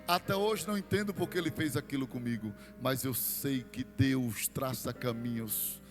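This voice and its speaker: Speaking in Brazilian Portuguese at an ordinary speed, this man delivers a sermon testimony as a pastor, his mid-range voice voicing other characters and swelling to loud peaks. He's in a large hall with faint music behind him.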